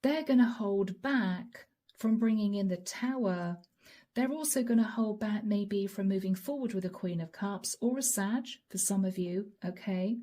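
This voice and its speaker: Speaking at a measured pace in a mid-range voice, a middle-aged woman channels a tarot reading. She keeps things soft and intimate, frequently whispering, and sounds a bit hoarse after a long session.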